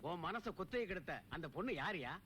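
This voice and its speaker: An actor playing a sly middle-aged village friend in comic film dialogue, with teasing, knowing banter. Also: male voice, high voice, animated, fairly quick, a bit bright, a little hiss or hum.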